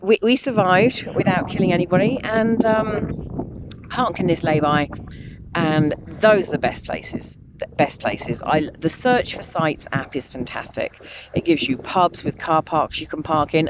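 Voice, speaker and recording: Brief: middle-aged woman vlogger, chatty storyteller, some fry in the voice, steady background noise. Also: deep voice. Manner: chatty, rambling, enthusiastic storyteller. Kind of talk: casual travel vlog chat. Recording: muffled lo-fi audio with clear background noise.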